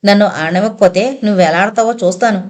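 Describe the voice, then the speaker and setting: A woman narrator voicing a spirited, defiant little orphan girl in a spoken novel, with bold quick retorts. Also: mid-range voice, natural voice. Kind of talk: audiobook character reading.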